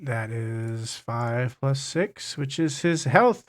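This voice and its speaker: A man narrating as game master, unhurried and often stumbling over his words. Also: mid-range voice, animated.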